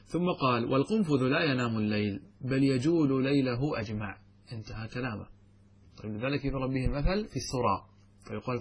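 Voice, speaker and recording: A man teaching an Arabic grammar lesson. He explains step by step, asks his students questions and answers them himself, and recites verses in a slow chant. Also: mid-range voice, breathy edge. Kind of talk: classroom lecture on a grammar text.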